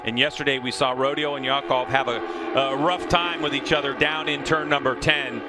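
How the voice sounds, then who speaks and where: A man working as a motorsport commentator, calling a race live with animated play-by-play. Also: mid-range voice, moderate pace. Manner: animated play-by-play calling, rising to shouts at action.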